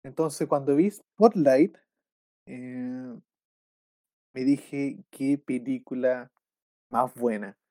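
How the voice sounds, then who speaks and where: Mellow Chilean man chatting about film. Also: mid-range voice, extremely slow, pauses often. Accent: Chilean Spanish. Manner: relaxed, rambling, with frequent slang tags. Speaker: podcast co-host. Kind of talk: casual film chat.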